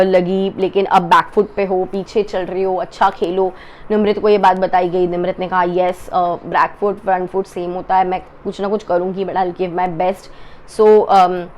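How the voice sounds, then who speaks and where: A young woman giving a chatty, casual recap of a reality show and dropping in English phrases now and then. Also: medium pitch. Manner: chatty, mixes in English phrases, frequent "uh" fillers.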